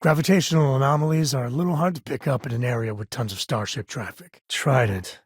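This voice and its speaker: Sam Coe, husky easygoing space cowboy. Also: male voice, medium pitch, fast talker, no room sound, studio quality. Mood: wry. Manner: folksy, conversational, wry. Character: easygoing, warm-hearted frontier spacefarer, a devoted father. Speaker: video game companion character. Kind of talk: video game character dialogue.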